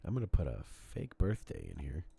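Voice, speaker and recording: Deep-voiced, animated podcast host. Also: male voice, fairly quick, creaky, breathy edge. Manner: profane, rambling, animated storytelling. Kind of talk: casual podcast chat. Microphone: desk mic with cameras.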